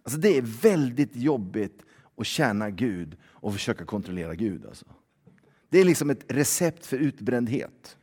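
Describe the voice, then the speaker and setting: A man's voice: mid-range voice, sing-song, a little mellow, husky. A man preaching a sermon in a loose, conversational way, full of fillers and tag questions. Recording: long hall reverb.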